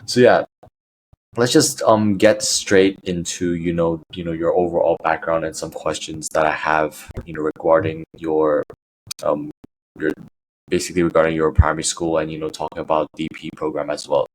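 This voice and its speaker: A man hosts a casual podcast interview and asks his questions in a chatty, loose way, with plenty of "you know" fillers. His voice sits very low. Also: flat delivery, normal speed, a little hiss or hum, poor audio. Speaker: podcast host.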